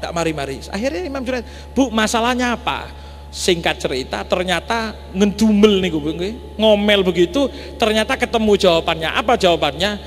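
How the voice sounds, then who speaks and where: East javanese preacher guy, high voice, jokey storytelling sermon, echoey mosque, faint hum behind. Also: brisk. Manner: lively, joking, addressing the audience directly. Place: large mosque.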